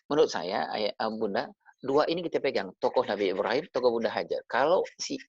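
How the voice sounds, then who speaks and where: A man with a gravelly, husky voice gives a religious parenting talk in a chatty way, checking in with his listeners as he goes. The sound is dry, dull and lo-fi, like a video call. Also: medium pitch, dry recording. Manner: chatty, addresses listeners directly with tag questions. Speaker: parenting speaker.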